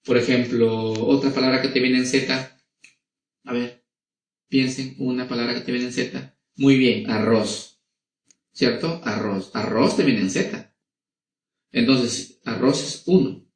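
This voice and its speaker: Speaking from a distance in a room with echo, this man teaches grammar to young kids, slow and repetitive, frequently making sure they follow. He's a primary school teacher with a Peruvian Spanish accent and a medium-pitched voice.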